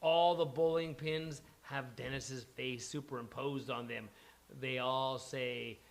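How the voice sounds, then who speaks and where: This is the stage-direction narrator at a live script reading, a man delivering a comedy script with dramatic flair for the action. His pitch is mid-range, his intonation fairly even, and his pace slow.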